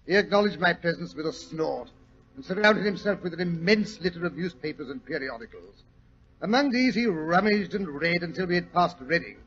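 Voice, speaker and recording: A dull, vintage radio recording carries a genial older British doctor, pitched notably high. He spins his old adventures in a fussy, wordy, pompous way, like a proud storyteller in a 1940s radio play. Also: animated, fairly quick, fairly bright tone. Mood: reminiscing, jovial.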